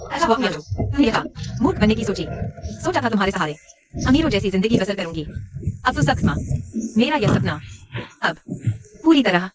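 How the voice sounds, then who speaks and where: A woman voicing a sharp-tongued young wife. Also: medium pitch, very animated, moderate pace, long pauses, a crowd in the background, close to an everyday voice. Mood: dismayed. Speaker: dubbed drama heroine. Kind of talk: Hindi drama dub.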